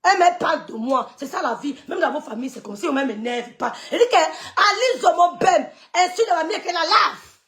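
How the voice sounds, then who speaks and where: A middle-aged gossip streamer on social media rants in an extremely high, fairly bright voice, animated and a little fast. On her live stream she scornfully scolds people she accuses of stirring up trouble, sucking her teeth dismissively again and again.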